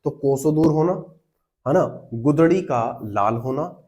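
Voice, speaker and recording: A man's voice: a little high, animated, a little slow, a little mellow. A man teaching an exam-prep lesson, explaining step by step and answering his own questions, often calling the listeners brother.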